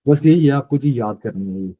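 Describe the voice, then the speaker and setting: A young man teaching a French lesson, mixing Hindi and English, explaining slowly and repeating rules to check his students follow. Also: medium pitch, animated, warm tone, poor audio. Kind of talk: online language lesson in Hindi-English mix.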